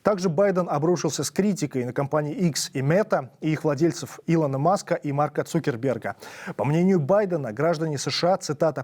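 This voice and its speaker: A man's voice: a little high, darkish tone. A man presenting the news, reading scripted reports as narration.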